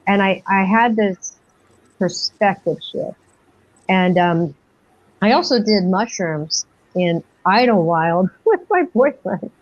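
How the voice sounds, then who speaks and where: A woman's voice: medium pitch, animated, slow, no echo. A middle-aged woman telling her personal story as an interview guest, rambling and breathless, full of fillers and acted-out quotes. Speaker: guest experiencer. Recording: dull lo-fi dry audio.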